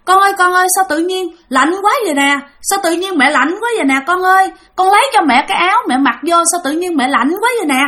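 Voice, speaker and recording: A possessed mother cries out in a high, wailing voice, fast and frantic, as a woman storyteller puts her on. Her pitch jumps well above the teller's usual voice. It belongs to a spoken ghost story. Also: sharp tone.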